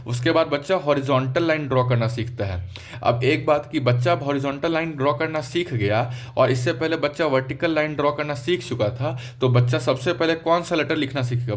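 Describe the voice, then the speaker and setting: A young man giving a casual lesson, talking straight to his students and checking in often with "okay". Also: a little high. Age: young adult. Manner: conversational, repeats "ठीक है" often, addresses students directly. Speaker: medical lecturer. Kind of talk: explaining lesson, casual teaching.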